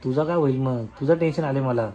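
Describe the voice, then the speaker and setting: A man's voice: mid-range voice, fast talker, warm tone, some chatter behind. Pleading young man on a prank phone call. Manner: pleading, persistent, teasing. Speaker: prank caller, video host.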